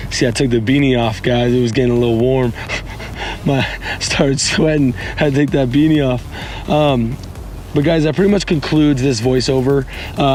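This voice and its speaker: Hoarse, raspy man coaching workouts. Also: a little mellow, slight background noise. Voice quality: raspy, strained, squeaky breaks. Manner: informal, addresses viewers as guys, repeats instructions. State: hoarse, lost his voice from screaming. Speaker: fitness coach hosting a workout show. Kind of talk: casual instructional workout voiceover.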